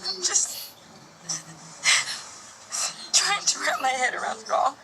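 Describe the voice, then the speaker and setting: A woman's voice: high-pitched, fairly quick, heavy background noise. An actress playing a grieving young woman who pleads and demands answers in a video game scene. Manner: pleading, tearful intensity. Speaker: game character. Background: game music.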